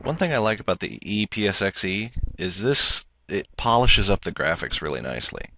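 A man's voice: low-pitched, sing-song, normal speed, pushed and bright, slight background noise. A man hosting a let's play with casual game commentary and wry asides.

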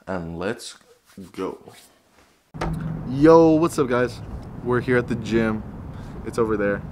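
A man's voice: on the low side, measured pace. Young gym-bro man vlogging with noisy background. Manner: hyped gym-bro talk, slangy. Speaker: fitness vlogger. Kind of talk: casual vlog chat to viewers.

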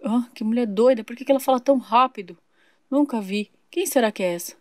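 A woman's voice: a little high, fairly quick, no room sound, clean studio sound, natural voice. A woman voicing a flustered father of a young family in a toy-figure soap opera. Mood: baffled. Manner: flustered, mildly exasperated.

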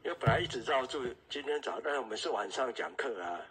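A man giving an evening Buddhist Dharma class, explaining terms patiently and often asking the listeners "right?" and adding soft "ah" particles. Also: medium pitch, expressive, quick pace, low-quality recording.

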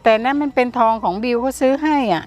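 A woman playing a trusting older aunt who speaks softly in a short film. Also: high voice, animated, quick pace. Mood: hesitant. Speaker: aunt who was cheated. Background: music.

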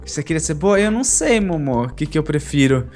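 A man's voice: fairly high pitch, a little fast, soft background music. A young man from Brazil co-hosting a gaming video, joking and bantering playfully. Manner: playful, lively, jokey. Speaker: gaming channel co-host. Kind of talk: casual gameplay banter.

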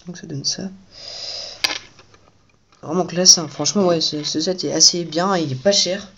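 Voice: mid-range voice, measured pace, highs cut off, background noise. A toy reviewer giving casual commentary while building a set at home at night, chatty and repeating the same praise.

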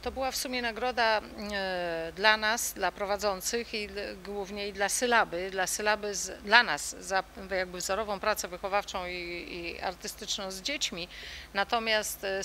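A middle-aged woman who leads a children's song group answers interview questions in a thoughtful way, pausing often with fillers and restarts. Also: mid-range voice, fairly even intonation, pushed and bright, slight background noise.

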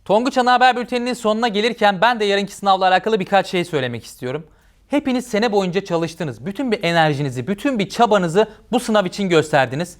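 A man anchoring an educational news bulletin, presenting in a brisk, upbeat and encouraging way. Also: high-pitched, lively intonation.

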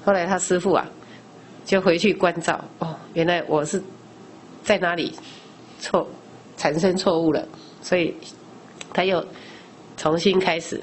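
Lady teaching a buddhist class, lowish voice, keeps asking and answering her own questions, faint hum behind. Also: fairly even intonation, a little slow, pauses often. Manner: explains by asking rhetorical questions and answering them; frequent discourse particles, conversational teaching. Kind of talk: Dharma class lecture.

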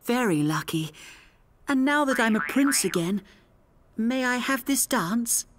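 A woman's voice: fairly high pitch, lively intonation, measured pace, slight background noise. A woman voicing a courteous male frog who turns back into a young prince, speaking in a gallant, polite way. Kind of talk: cartoon voice acting for preschoolers.

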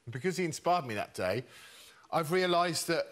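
A man's voice: a little high, expressive, moderate pace, fairly bright tone. A male comedian and panel show guest telling a rambling, self-deprecating anecdote. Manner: rambling, self-deprecating, laughing between phrases. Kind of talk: stand-up style anecdote. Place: TV studio. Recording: noisy TV studio recording with audience.

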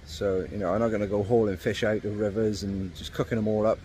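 Relaxed man vlogging outdoors by a river. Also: lowish voice, fast, slight background noise. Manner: relaxed, rambling, frequent ums. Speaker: fishing vlogger. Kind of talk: casual outdoor vlog narration. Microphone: phone or action camera held at arm's length.

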